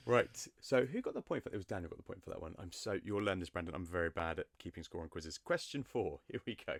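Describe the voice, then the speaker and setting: Quiz host, male, playful and teasing; low-ish voice with lots of swing, dry recording. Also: very animated, fast talker, vocal fry, no room sound. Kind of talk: casual podcast quiz.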